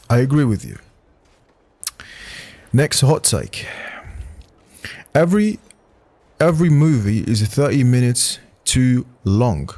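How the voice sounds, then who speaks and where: A man's voice: medium pitch, a little mellow. A man reading online hot takes aloud and giving his own blunt, casual opinions on them, with swearing and frequent restarts. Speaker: narrator and commentator. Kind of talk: reading and reacting to posts.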